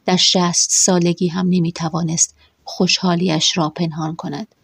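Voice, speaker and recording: A woman narrating a first-person audiobook in a measured, emotional storytelling manner, with a husky voice. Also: lowish voice, flat delivery, dry recording.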